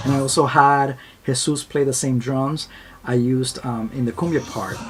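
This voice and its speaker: A man's voice: mid-range voice, gravelly. Upbeat heartfelt male vlogger over music. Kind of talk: casual narration of a vlog. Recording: voice-over with loud music behind.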